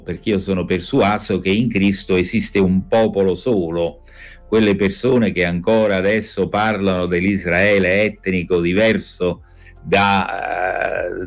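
Older man, low measured voice. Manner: measured, explanatory lecturing. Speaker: professor guest. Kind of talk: interview on religion.

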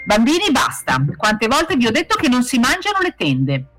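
A woman's voice: on the high side, huge pitch swings, moderate pace, bright, forceful tone, pitched above the performer's own voice, exaggerated voice. A woman voicing a cheerful guinea pig mother who teases her husband and scolds her pups. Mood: scolding. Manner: teasing, lightly scolding.

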